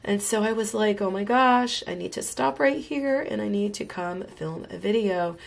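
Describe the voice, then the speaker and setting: A woman with a medium-pitched, creaky voice speaks at a normal speed, hosting a coloring tutorial from her home craft desk. She's slightly congested from illness yet enthusiastic and chatty, talking as she works.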